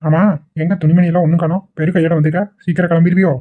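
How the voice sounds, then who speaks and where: A man's voice: a little high, flat delivery, rapid-fire, dry recording, lightly acted. A man voicing an exasperated young man in a dubbed cartoon, who grumbles and mutters about his demanding grandmother. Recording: tinny phone-like recording.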